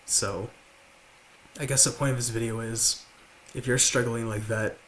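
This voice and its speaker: A young man in his late teens with a slight lisp, talking quietly and haltingly to the camera at home. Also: mid-range voice, steady tone, slight background noise. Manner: halting, with many fillers and restarts. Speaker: vlogger. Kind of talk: confessional talk to camera. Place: large house, indoors.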